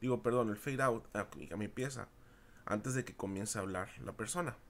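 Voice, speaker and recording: A man's voice: fairly low pitch, normal speed. A middle-aged man, a university audio teacher giving a loose, repetitive recorded lecture to his students. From Mexico. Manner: informal, repeats himself, addresses students as chicos. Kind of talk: screen-recorded class lecture.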